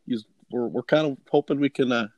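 A man's voice: medium pitch, brisk, a little mellow, no echo. A man telling a long story in casual podcast chat, rambling with many fillers and restarts.

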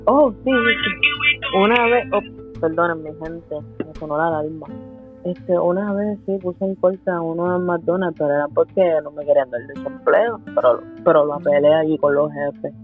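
Relaxed host on a tinny line. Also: mid-range voice, moderate pace, soft background music. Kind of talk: casual chat.

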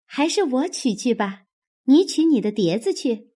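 A woman voicing a cheerful, chatty young maid with a quick, bright manner. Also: sits high, sing-song.

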